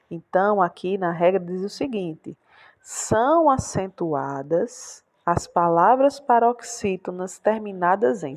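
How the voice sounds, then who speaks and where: A Brazilian woman teacher with a Brazilian Portuguese accent patiently walks through a classroom lesson, repeating words aloud and checking in with tag questions. Her voice is fairly low in pitch with a darkish tone.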